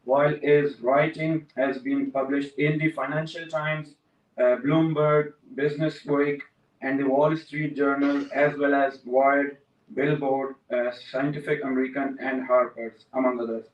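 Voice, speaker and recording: A man moderating a conference, reading a formal introduction of the next speaker in an even, list-like delivery. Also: mid-range voice, a little slow, lo-fi sound. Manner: reads a list at an even pace. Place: conference hall. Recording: echoey hall, distant mic.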